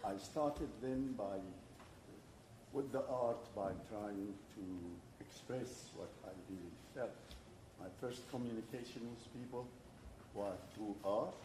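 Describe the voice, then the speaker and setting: A man in his seventies from Syria, speaking slowly and earnestly as an audience member at a panel. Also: medium pitch. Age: 70s. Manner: slow, halting, earnest. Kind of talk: slow personal remarks from the floor. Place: event hall with an audience. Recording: roomy, from far off, noisy.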